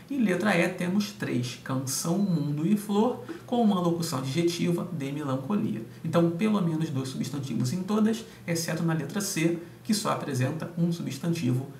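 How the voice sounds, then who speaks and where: A man's voice: fairly high pitch, expressive, normal speed, creaky, few pauses, darkish tone. A man teaching grammar, going through exam answers step by step and often checking in with his students. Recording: echoey room, distant mic, faint hum.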